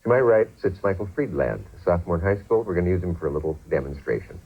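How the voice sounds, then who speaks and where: Fast-talking deep-voiced male host, husky. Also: expressive. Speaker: infomercial host. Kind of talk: interviewing. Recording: dull 1990s TV audio.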